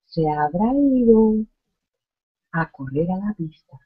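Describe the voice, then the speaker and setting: A woman teaching a grammar lesson at a slow, careful pace. Her voice is soft and breathy. The audio is dull and lo-fi. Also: mid-range voice, expressive. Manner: slow, deliberate explaining with spoken examples. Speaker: Spanish teacher.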